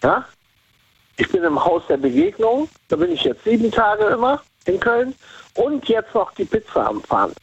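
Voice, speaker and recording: A man's voice: extremely high pitch, huge pitch swings, normal speed, vocal fry, slightly rough, dry recording. A man from Cologne calling in to a radio show, talking in a loose, rambling way over the phone. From Cologne, Germany. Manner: rambling, repeats himself. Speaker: caller. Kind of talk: casual phone-in chat. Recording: muffled phone line.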